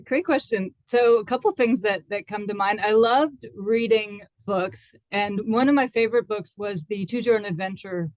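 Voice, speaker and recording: A woman's voice: medium pitch, normal speed, few pauses, dry recording, rough recording. Thoughtful woman, dry close sound. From United States. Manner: thoughtful, many restarts and fillers. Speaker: guest. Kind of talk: casual interview talk.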